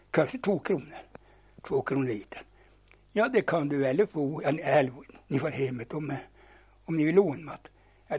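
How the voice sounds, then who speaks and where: An older man telling lively anecdotes from his youth, acting out the dialogue and often stumbling and restarting words. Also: fairly high pitch, husky. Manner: animated yarn-spinning, acting out dialogue, repeats and restarts words. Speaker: storyteller. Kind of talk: spoken reminiscence, telling old anecdotes.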